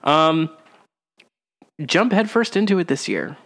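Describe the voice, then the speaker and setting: A man's voice: a little high, sing-song, takes it slowly, creaky, fairly bright tone. A man co-hosting a casual astrology podcast, chatty and rambling, with many fillers. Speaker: podcast co-host. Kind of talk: casual chat.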